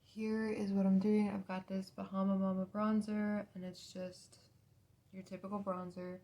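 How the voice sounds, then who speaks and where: A woman's voice: medium pitch, level tone, normal speed, dark tone. A young woman giving a casual, chatty makeup tutorial, informal and apologetic as she thinks aloud, talking with a mouth still recovering from wisdom teeth removal.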